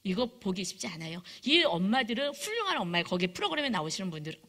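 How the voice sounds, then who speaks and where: A woman pastor giving a sermon in an animated way, acting out stories as she goes. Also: mid-range voice, racing. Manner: animated, acts out stories with voices.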